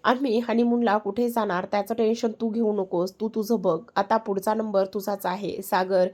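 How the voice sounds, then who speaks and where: A woman's voice: mid-range voice, little pitch movement, moderate pace, a little mellow, lightly acted. A woman reading a storybook part as a playful young man who teases and bickers with his family. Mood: teasing.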